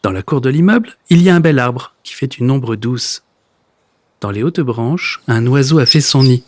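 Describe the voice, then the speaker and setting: Gentle man reading a children's story. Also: mid-range voice, moderate pace. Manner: gentle, expressive. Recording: hissy recording.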